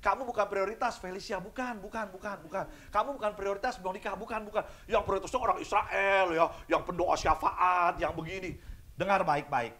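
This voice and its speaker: High-voiced man preaching an animated sermon. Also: fairly quick. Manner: animated preaching, acts out voices, asks the congregation questions. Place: church service.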